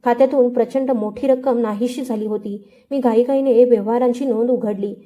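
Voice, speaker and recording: A woman narrates a scripted suspense story in the first person. Her voice sits a little high but sounds very dark and mellow. She keeps a measured, dramatic storytelling pace throughout. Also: fairly even intonation.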